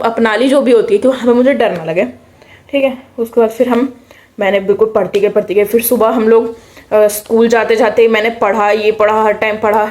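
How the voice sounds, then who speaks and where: A young woman with an Indian accent telling a personal story in a casual, chatty way. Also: on the high side. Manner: chatty, animated, mixes English words into speech. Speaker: vlogger.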